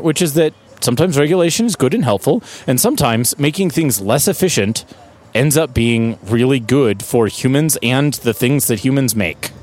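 A man co-hosting a casual podcast chat, animated and quick to laugh, recorded live in a brewery. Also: mid-range voice. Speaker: podcast co-host. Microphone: single shared microphone.

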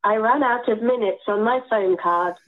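A woman's voice: fairly high pitch, moderate pace. A woman caller leaving an upbeat, gushing fan voicemail over a prison phone line. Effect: heard over a prison phone line.

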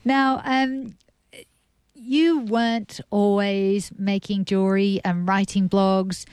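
A woman hosting a radio interview show, with measured, formal phrasing. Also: mid-range voice, steady tone, a little mellow, smooth, no room sound, clean studio sound. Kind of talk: scripted introduction and interview.

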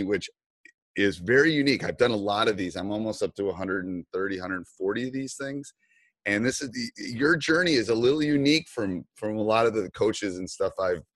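Deep-voiced chatty male podcast host. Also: a bit bright, no room sound. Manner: chatty, with many fillers and restarts. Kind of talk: casual interview.

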